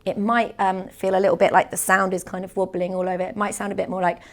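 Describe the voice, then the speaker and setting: Young woman, beatbox tutor, gravelly edge, middle pitch, patient explainer. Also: level tone, quick pace. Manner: patient, step-by-step demonstrating. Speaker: beatbox instructor.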